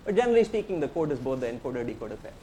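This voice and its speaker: A professor with an Indian accent gives a technical lecture, walking through a tutorial step by step in a conversational way and inviting questions. His medium-pitched voice is mellow, sing-song and very fast, with slight background noise.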